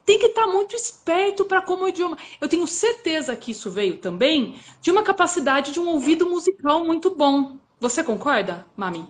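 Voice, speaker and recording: A woman host, explaining points in an animated, teacherly way during a casual interview with her mother. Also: extremely high pitch, brisk, hardly any pauses.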